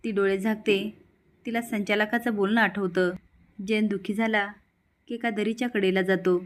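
A woman narrating a recap of a drama serial in a steady, plain storytelling manner. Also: mid-range voice, normal speed, a little hiss or hum.

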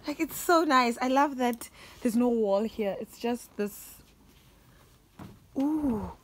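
A woman's voice: fairly high pitch, slow, slight background noise. A young woman casually narrating a house tour on a handheld phone, chatty and easily delighted, gushing over each room. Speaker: vlogger. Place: holiday lodge, indoors. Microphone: handheld phone camera.

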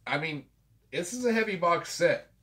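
The host of a vinyl collector channel sits at his desk in a small room with framed pictures and a guitar, tipsy and chatty, swearing freely through a casual rambling vlog. He speaks at normal speed in a fairly high, expressive, slightly bright voice.

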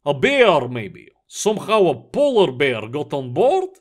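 A man voicing a gruff male dock chief who speaks bluntly and matter-of-factly. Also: a little high, huge pitch swings, measured pace. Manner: matter-of-fact, dry.

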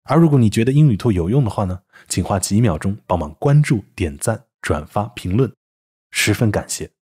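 A man's voice: fairly low pitch, animated, brisk, a little mellow, husky. A man narrating a scripted pronunciation lesson, carefully demonstrating sounds and explaining them step by step. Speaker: English pronunciation teacher.

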